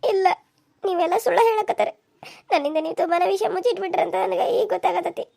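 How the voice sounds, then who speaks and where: Woman voicing a high, tearful young village wife. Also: fast, a little mellow, no echo, studio quality. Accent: North Karnataka Kannada. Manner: tearful, accusing, pleading. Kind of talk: cartoon serial voice acting.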